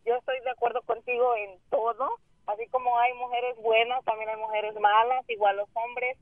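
A woman's voice: fairly high pitch, flat delivery, moderate pace, no echo. Eager woman caller on tinny phone. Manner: eager, friendly. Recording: phone line.

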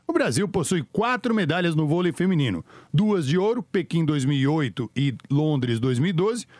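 A man's voice: on the high side, very animated, normal speed, a little mellow, no echo, studio quality. A man with a Brazilian accent reading scripted sports news as a presenter.

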